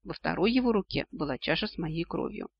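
Husky high-voiced male narrator. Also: expressive, a little fast, no room sound. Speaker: audiobook narrator. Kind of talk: scripted narration of a novel. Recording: dull lo-fi audio, dry.

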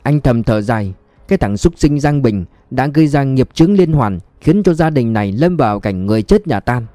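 A man narrating a detective audiobook in a measured storytelling manner, recorded close on a studio mic. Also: mid-range voice, expressive, dark tone, no echo.

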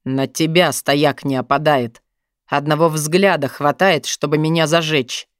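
A woman voicing a gruff, possessive young man who talks in a low, husky murmur in an audiobook. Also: moderate pace, no room sound, studio quality, lightly acted. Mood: brooding. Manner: pressing, intense, murmured. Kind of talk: audiobook narration.

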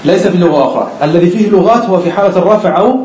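A man's voice: high voice, racing, darkish tone, roomy sound, slight background noise, poor audio. A man teaching an Arabic grammar class, who explains step by step, asks the students questions and repeats the key words.

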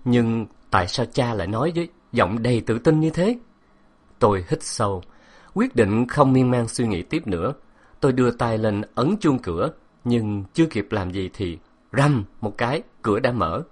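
A man reading an audiobook novel aloud in a measured, introspective scripted narration. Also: mid-range voice, expressive, darkish tone, breathy edge. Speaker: audiobook reader.

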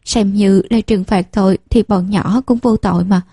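A woman's voice: mid-range voice, fairly even intonation, normal speed, dark tone, breathy edge, no echo, clean studio sound. A woman voicing a young mother who longs for her children and speaks in a choked, pleading way. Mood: tearful.

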